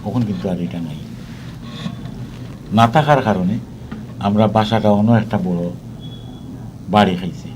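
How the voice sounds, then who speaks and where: A man's voice: fairly low pitch, unhurried, long pauses, background noise. A man from Sylhet with a Sylheti Bengali accent, a discussion guest who talks reflectively and drifts between examples. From Sylhet, Bangladesh. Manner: reflective, digressive, recites folk rhymes and songs. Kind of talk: studio discussion.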